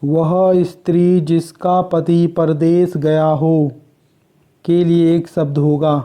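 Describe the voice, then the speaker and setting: Slow, dark-voiced Hindi quiz teacher. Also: male voice, on the high side, little pitch movement. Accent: Uttarakhand Hindi. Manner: slow, measured, list-like delivery. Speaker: exam prep teacher. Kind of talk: reading out quiz questions and answers.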